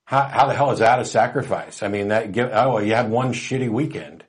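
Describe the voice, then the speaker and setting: A man hosting a call-in show, telling stories in a wry, relaxed way with plenty of fillers, turning emphatic when he argues a point. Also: on the low side, fairly quick. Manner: grows emphatic and lively when arguing. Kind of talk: casual call-in talk.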